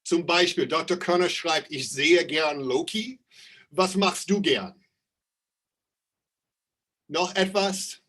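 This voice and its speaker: A man teaching a live online German class, slowly repeating questions and reading out his students' answers. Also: fairly high pitch, pushed and bright, breathy edge, poor audio.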